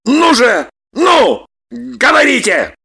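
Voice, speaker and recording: A hot-tempered man, as a woman reader puts him on, bellowing his lines in a slow, heavy, drawn-out way. The voice is bright and sharp-edged, with pitch that swings widely. It is an audiobook character voice. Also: big pitch swings, exaggerated voice. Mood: furious. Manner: shouting, drawn-out emphatic delivery.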